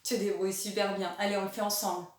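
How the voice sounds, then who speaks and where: A woman's voice: medium pitch, flat delivery. Echoey, distant woman teaching children. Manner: gentle, encouraging, slow and clearly articulated. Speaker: primary school teacher. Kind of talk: remote lesson for young children. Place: classroom or room with a board.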